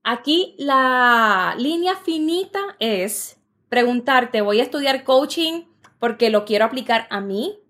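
A woman's voice: fairly high pitch, lively intonation, slow, fairly bright tone. A woman in her thirties with a Puerto Rican accent, a career coach talking casually as a podcast guest, thoughtful and full of little fillers. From Puerto Rico. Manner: thoughtful, frequent "eh" and "¿verdad?" fillers. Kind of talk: casual interview chat.

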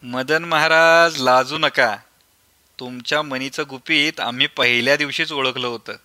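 Male reader plays an old grandfather, slow and teasing, bright, dry. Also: mid-range voice, fairly even intonation, clear, resonant tone, dry recording. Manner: slow, gently teasing, fatherly.

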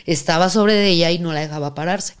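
A woman's voice: on the low side, quick pace, smooth. A woman with a Mexican accent, chatting on a podcast and telling a story expressively. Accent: Mexican Spanish. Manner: expressive storyteller who acts out voices. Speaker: podcast co-host. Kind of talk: casual chat.

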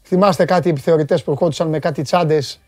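A man's voice: on the high side, dry recording. A man hosts a sports talk show, reading out viewer comments and trading jokes with his crew. His voice is dry and close, and faint music plays underneath. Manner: joking, animated, banters with studio crew.

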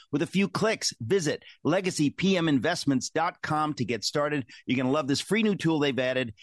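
A man's voice: medium pitch, no echo. Male talk radio host, dry studio sound.

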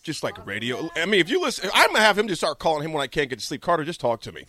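Animated, bright-voiced male radio host. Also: a little high, racing. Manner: animated, jokey storyteller who laughs a lot. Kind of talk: lively radio talk. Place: radio studio.

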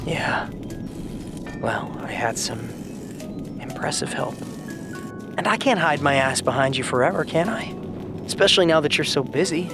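A man's voice: on the high side, expressive, normal speed, long pauses, music in the background. A man voicing a sentient freighter spaceship in an audio drama, a brash, easygoing adventurer who talks in casual, teasing slang. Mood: wry, fond. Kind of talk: audio fiction drama acting.

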